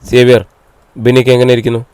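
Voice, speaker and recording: A man reading the lines of an anxious young widowed woman, quiet and worried. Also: medium pitch, monotone, fast, clear, resonant tone, no room sound, natural voice.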